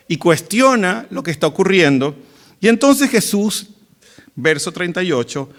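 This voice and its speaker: A man preaching a sermon in church, acting out quoted lines with dramatic cries and hushed asides. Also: sits high.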